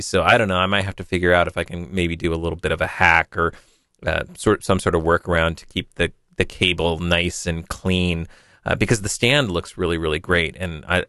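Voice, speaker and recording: A man's voice: deep voice, bright, forceful tone, clear, resonant tone, no room sound, studio quality. A man hosting a podcast, chatting casually and rambling a little as he answers a listener. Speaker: podcast host. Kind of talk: casual tech podcast talk.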